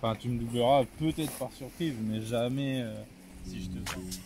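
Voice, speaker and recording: A man's voice: medium pitch, moderate pace, music in the background. A man bantering teasingly with his partner, picked up by a phone a little way off on the ski slopes.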